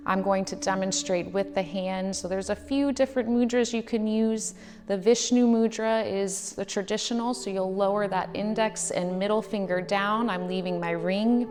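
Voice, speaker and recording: A woman in her thirties leads a guided meditation in a reverberant space with faint music behind her. Her pitch is mid-range, and she gives soothing, measured instructions with gently drawn-out phrases. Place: indoors, decorated studio room.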